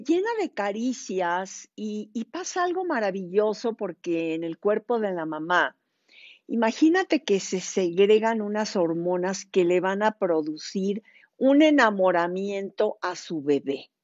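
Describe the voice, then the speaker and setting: A woman psychologist hosting a live-streamed talk, speaking slowly and emphatically and addressing her viewers directly. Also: mid-range voice, darkish tone, no echo. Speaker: psychologist and host. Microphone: earphone headset. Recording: dull lo-fi stream audio.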